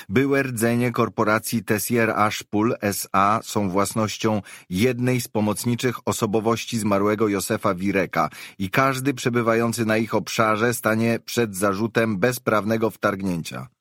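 A cold, expressionless official delivers a formal notice in a flat, businesslike voice, as a male audiobook narrator puts him on. The voice is deep and low, recorded close and dry. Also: no room sound, natural voice. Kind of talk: audiobook character voice.

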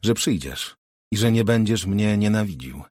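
A man reading the part of an anxious young woman in an audiobook, raising his voice a little with a soft, trembling manner. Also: lowish voice, lively intonation, normal speed, dry recording, studio quality, lightly acted. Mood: uneasy. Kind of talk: audiobook character voice.

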